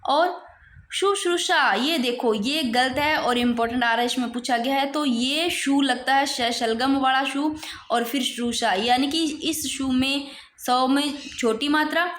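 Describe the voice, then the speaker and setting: A woman teaching an exam-prep spelling lesson, patiently explaining and repeating words slowly for her students. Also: high voice, fairly bright tone, a little hiss or hum. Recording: echoey room.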